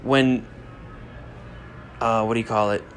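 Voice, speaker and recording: A man's voice: mid-range voice, steady tone, takes it slowly, slight background noise. A young man hosting a podcast, talking in a blunt, rambling, motivational way and swearing freely. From United States. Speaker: podcast host. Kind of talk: casual motivational monologue.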